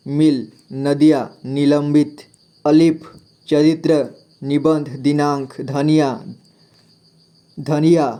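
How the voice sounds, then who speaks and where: A man teaching Hindi spelling to beginners, reading words out one by one in a patient, drawn-out way. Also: on the high side, warm tone. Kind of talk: slow spelling lesson for beginners.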